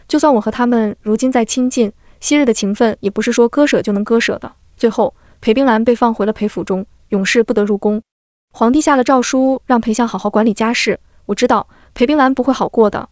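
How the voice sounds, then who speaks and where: A woman with a fairly high voice reads a historical romance audiobook as scripted narration at a brisk, rapid pace. She gives every character the same steady, even reading voice. The recording is close and dry, with no room sound or echo.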